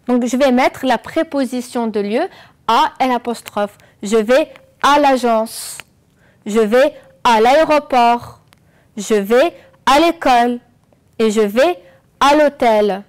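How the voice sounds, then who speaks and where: A woman teaching French on an educational channel, explaining slowly and clearly and asking the viewers questions. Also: fairly high pitch. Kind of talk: televised classroom lesson.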